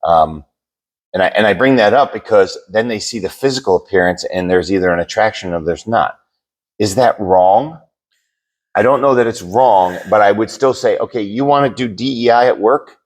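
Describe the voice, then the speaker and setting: A man's voice: lowish voice, normal speed. A man co-hosting a podcast in a casual debate chat, rambling and repeating words as he searches for them. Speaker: podcast co-host.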